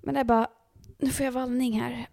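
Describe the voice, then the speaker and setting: A young woman co-hosting a podcast, chatting casually with lively swearing. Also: gravelly. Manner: animated, swearing, quick shifts in pitch. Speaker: podcast co-host. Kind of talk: casual chat.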